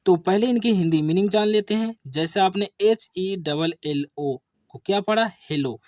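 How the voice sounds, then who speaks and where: A man teaching an English spelling lesson to children, asking questions and answering them himself in a lower voice. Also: moderate pace, a little mellow, no room sound, clean studio sound. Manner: addresses viewers as children. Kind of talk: slow classroom-style spelling lesson.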